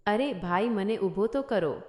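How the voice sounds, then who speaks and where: A fat, pushy neighbour man in a storybook tale, read by a woman, with an eager, ingratiating way of talking. The voice sits at an ordinary middle pitch. The room around it rings with echo. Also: lively intonation, measured pace, darkish tone, lightly acted. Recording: echoey room.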